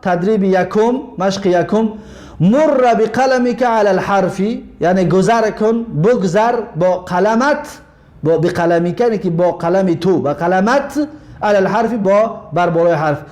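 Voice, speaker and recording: A man with a Tajik Persian accent teaching a language lesson, explaining slowly, repeating points and spelling words out. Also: sits high, a little mellow.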